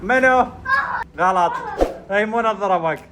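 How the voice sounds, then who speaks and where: A woman running a family game, giving brisk orders and often laughing. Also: medium pitch, very noisy. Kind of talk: casual family game calling.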